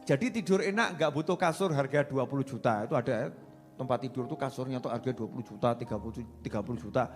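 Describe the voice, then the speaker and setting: A man with a Javanese accent preaching a sermon, lively and joking, slipping into Javanese phrases. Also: medium pitch, fast talker. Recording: reverberant hall with faint music.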